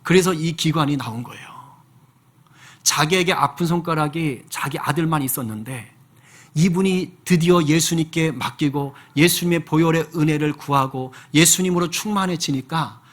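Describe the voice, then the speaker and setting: A male pastor preaching with a fairly high voice, speaking to his church like he is telling a friend a story. He asks the congregation questions as he goes and stays relaxed and direct. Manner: conversational storytelling with rhetorical questions. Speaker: senior pastor. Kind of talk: sermon.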